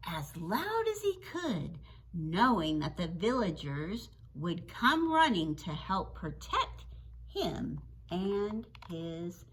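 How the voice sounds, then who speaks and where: A woman reads a children's story aloud, her voice bright and a little sharp. Her pitch leaps and dips in a lively sing-song, and she takes her time, unhurried and deliberate, like a teacher speaking to young children. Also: slightly rough, low-quality recording.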